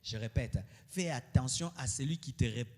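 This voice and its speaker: A male pastor preaching a sermon, moving between loud, high outbursts and quiet asides. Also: moderate pace. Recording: long hall reverb.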